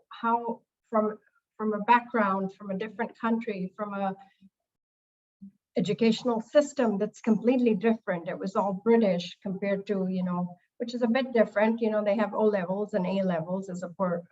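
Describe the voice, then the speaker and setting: A woman's voice: medium pitch, muffled recording. A woman from Pakistan, an executive director speaking on a panel in an earnest manner, often restarting her phrases. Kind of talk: panel discussion.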